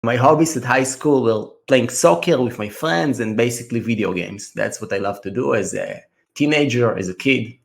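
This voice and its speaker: A Russian man in his thirties, speaking with a Russian accent, earnestly tells his life story as a guest on a casual trading podcast, where he appears as a trader and mentor. His medium-pitched voice moves at a moderate pace with vocal fry and hardly any pauses.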